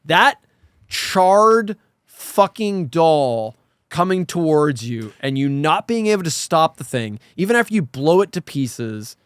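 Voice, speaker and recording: A man co-hosting a casual film discussion, retelling things in an animated, sweary way and acting out quotes. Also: fairly high pitch, slow pace, clean tone, no room sound, clean studio sound. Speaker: podcast co-host.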